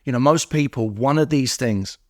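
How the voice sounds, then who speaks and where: A man's voice: mid-range voice, moderate pace, dry recording, clean studio sound. A man as a podcast guest, speaking candidly about recovery, with many restarts and fillers in an earnest, searching way.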